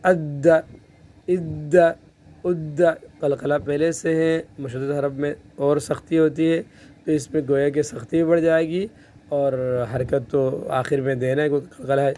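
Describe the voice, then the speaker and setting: A man's voice: a little high, fairly even intonation, dark tone. A man with a Pakistani Urdu accent teaching a tajweed lesson, patiently repeating each Arabic letter sound many times and explaining how to place the tongue. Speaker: Quran recitation teacher.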